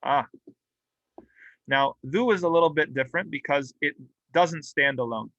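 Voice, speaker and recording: A man's voice: fairly high pitch, moderate pace, fairly bright tone, dry recording, dull audio. A man teaching a classroom grammar lesson, explaining patiently and drilling example words aloud with light humor. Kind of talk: classroom lecture. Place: mosque classroom.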